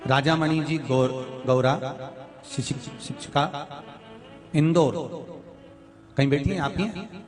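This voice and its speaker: A middle-aged man delivers a devotional sermon in a fairly high voice, urging his listeners on and repeating key phrases. Devotional music plays clearly behind him the whole time. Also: slow pace, pauses often. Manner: exhorting, repeats phrases, breaks into song. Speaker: devotional preacher.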